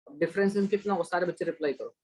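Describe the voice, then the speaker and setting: A man's voice: a little high, racing, a little mellow, slightly rough, poor audio. A man teaching a math class online, patiently explaining steps and praising students by name as he checks their answers.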